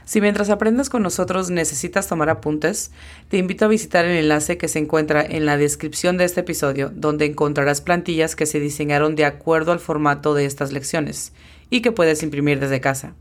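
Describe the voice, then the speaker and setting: A woman's voice: sits low, fairly even intonation, a little fast. A woman hosting a scripted language lesson as the teacher, speaking patiently and spelling words out letter by letter. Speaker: English teacher and podcast host.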